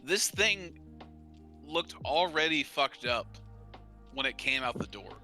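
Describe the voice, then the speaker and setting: A man with a very bright, sharp voice runs a tabletop game as dungeon master. He narrates monster moves and rulings in a relaxed, plain way. Faint music plays behind him. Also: a little high, slow. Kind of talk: running a live tabletop game.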